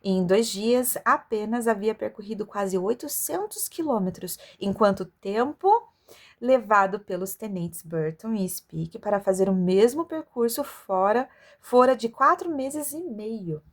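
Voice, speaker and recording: A woman's voice: mid-range voice, lively intonation, measured pace. A woman reading a children's adventure novel aloud as an audiobook, expressively, with the odd stumble of an amateur reader.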